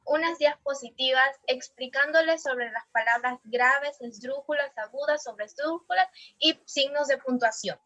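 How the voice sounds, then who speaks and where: A woman with a high, bright voice reads her part of a class presentation clearly and steadily, listing example after example. The sound is dry and close to the mic. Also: normal speed, dry recording, lo-fi sound. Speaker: student presenter.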